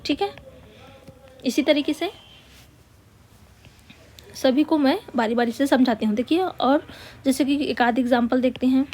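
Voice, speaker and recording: Her voice is high-pitched and a little mellow as she teaches grammar. She patiently repeats the key words, asks rhetorical questions, and dictates one word at a time while writing.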